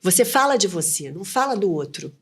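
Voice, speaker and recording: A woman's voice: medium pitch, sing-song, a little fast, slightly rough. A woman, a communication mentor being interviewed, who gives advice in short, firm phrases. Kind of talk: conversational podcast interview.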